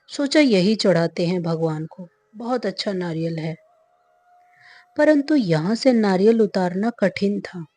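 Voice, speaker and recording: A woman narrating a scripted comic folk tale in a calm, unhurried way. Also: mid-range voice, dry recording. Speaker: storyteller.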